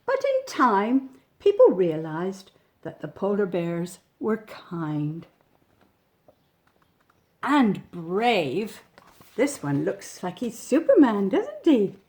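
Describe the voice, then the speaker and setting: A woman reads a picture book aloud to young children, her voice animated and ranging widely in pitch at a slow pace. She's gentle, pointing out the pictures and asking the little listeners questions, with chatty asides woven through the expressive reading.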